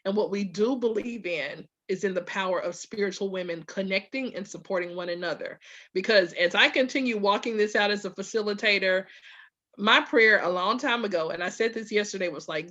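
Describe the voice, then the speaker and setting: A woman's voice: mid-range voice, moderate pace, fairly bright tone, dull audio. A woman from Louisiana with a Southern US accent, speaking informally and emphatically to followers as a group facilitator, often piling up lists and checking in with listeners. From Louisiana, USA. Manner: emphatic, repetitive lists, checks in with "okay" and "right". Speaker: spiritual group facilitator and host. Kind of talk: informal promotional talk to followers.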